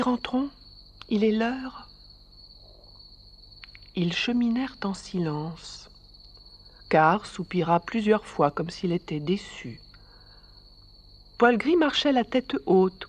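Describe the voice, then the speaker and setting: A narrator reading a story aloud for radio in a measured, expressive way. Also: mid-range voice.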